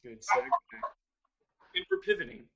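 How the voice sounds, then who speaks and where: A man's voice: normal speed, fairly bright tone. A man co-hosting a podcast, chatting in a playful, teasing way. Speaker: podcast co-host. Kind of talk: casual chat. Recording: dull lo-fi sound.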